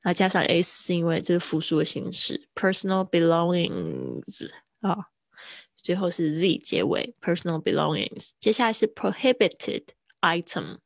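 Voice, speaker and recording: A woman teaching English vocabulary on a livestream, mixing English words into chatty Chinese explanations and slowly drilling pronunciation. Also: on the low side, big pitch swings, vocal fry, no echo, clean studio sound. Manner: laughs easily, drawn-out word drills.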